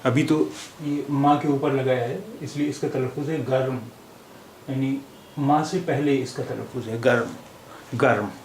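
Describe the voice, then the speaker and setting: A man teaching a language lesson, pausing on fillers and repeating each word several times. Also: medium pitch, steady tone, darkish tone. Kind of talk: slow explanatory lesson. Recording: echoey room with faint hiss.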